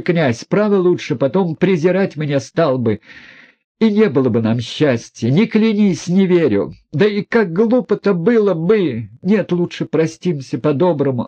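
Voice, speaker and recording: A proud, reckless young woman, voiced by a male reader in a raised, husky voice that swings widely. Her talk is mocking and defiant, full of scorn. It is an audiobook character reading. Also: on the high side, mellow, dull audio, voice pushed up. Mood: wistful bitter.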